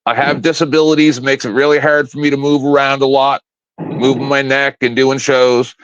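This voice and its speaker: With a medium-pitched voice and flat delivery, a man in his fifties talks a little fast as a home-based panel guest on a live stream. His casual rant is blunt, confrontational and profane. The stream sound is dull, lo-fi and dry, with no echo.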